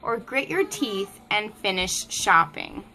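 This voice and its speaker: A woman's voice: medium pitch, expressive, slow, pushed and bright, slight background noise. A mom vlogger chatting casually to the camera at home, laughing often and breaking off to talk to her toddler. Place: family home, indoors.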